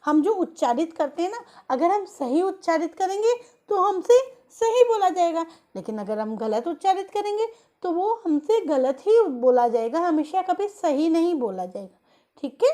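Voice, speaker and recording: Patient high-voiced teacher coaxing young pupils. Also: female voice, big pitch swings, normal speed, warm tone. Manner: patient, coaxing, calls pupils "beta", asks and answers own questions. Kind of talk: Hindi grammar lesson for young children.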